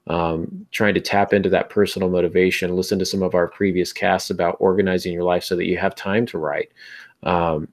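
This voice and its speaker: Here the podcast host's voice sits low and creaks as he speaks straight to his audience. He keeps things conversational, encouraging the listener while handing out advice.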